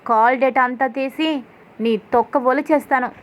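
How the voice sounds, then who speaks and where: A woman's voice: high voice, steady tone, moderate pace, close to an everyday voice. Harsh scolding young husband, as a woman reads him. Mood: angry. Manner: shouting, scolding, rough insults.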